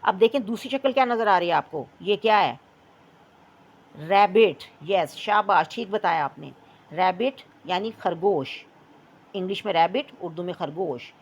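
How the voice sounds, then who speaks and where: A woman teaching a beginners' language lesson to children, patiently drilling words slowly for them to repeat and mixing in English phrases. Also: lowish voice. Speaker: Urdu teacher.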